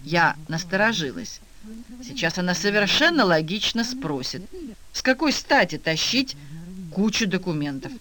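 A man reading a comic detective audiobook, lively and expressive. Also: high-pitched, moderate pace. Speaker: audiobook reader. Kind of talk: scripted narration.

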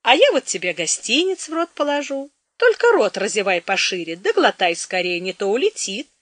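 Shrill bossy old village healer, voiced by a woman. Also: big pitch swings, unhurried, pushed and bright, no room sound, full character voice. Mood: cooing. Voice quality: shrill and scolding.

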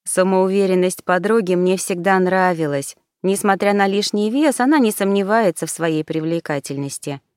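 A woman narrates a first-person novel in an even, storytelling manner. Her voice sits at an ordinary middle pitch. The recording is close and dry, with no room echo. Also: normal speed, hardly any pauses, clean tone. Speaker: audiobook narrator.

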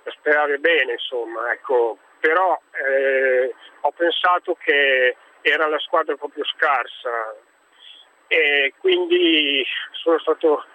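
A man calling in to a radio show over a phone line, speaking in a halting way with many fillers and restarts. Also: medium pitch, slight background noise. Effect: phone-line call into a radio show. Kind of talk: casual chat.

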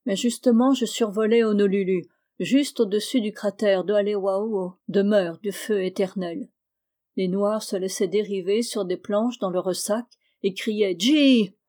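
A woman reading a literary novel aloud as an audiobook, in a calm, measured storytelling manner. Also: medium pitch. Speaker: audiobook reader.

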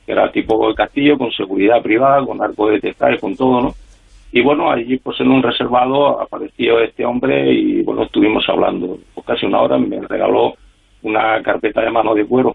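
Vocal fry and a breathy edge mark this older man's medium-pitched voice. A former freelance spy, he tells his lengthy story during a radio interview over the telephone, and the tinny line carries his many fillers and restarts.

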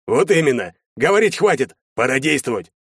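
Man doing a bossy stern dad, forceful, lively voice, dry recording. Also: medium pitch, fairly quick, husky, no echo, voice pushed up, heavily acted. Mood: demanding. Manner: commanding, forceful. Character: stern wealthy father, older nobleman.

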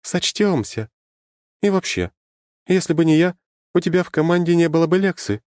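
A man reads an audiobook, voicing a sly, brash goddess with a cheeky, mocking manner. His natural voice is a little high, animated, and slightly mellow at normal speed, recorded as clean, pushed-up studio sound with no room sound.

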